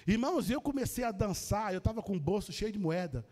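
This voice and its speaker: A man with a Brazilian Portuguese accent preaching a sermon, telling a story with lively energy and calling out to the congregation. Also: high voice, brisk, big-room sound. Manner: animated storytelling, addresses the congregation. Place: church.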